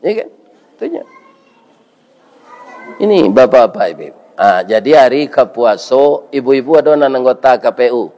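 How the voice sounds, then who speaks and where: A man's voice: medium pitch, expressive, normal speed, long pauses, mellow. An older man preaching a casual village sermon with a Minangkabau accent, bantering with his listeners and often asking "right?". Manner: folksy, bantering, keeps asking "iya kan?". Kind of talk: village sermon with crowd questions.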